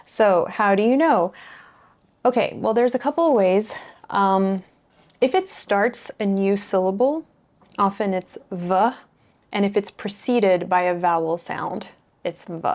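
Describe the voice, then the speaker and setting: A woman leads a beginner language lesson at an unhurried, slow pace. She sounds out each syllable and word one at a time, patiently and clearly. Now and then she thinks aloud, with small fillers between phrases. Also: medium pitch, darkish tone. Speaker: language teacher.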